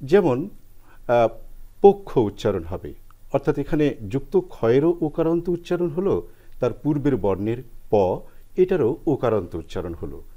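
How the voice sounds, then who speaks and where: A man explains pronunciation rules on a televised language program, carefully breaking each word into its sounds. His pitch rises and falls a lot as he talks, and his tone is dark and mellow. The recording is slightly dull, like broadcast audio. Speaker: language expert guest.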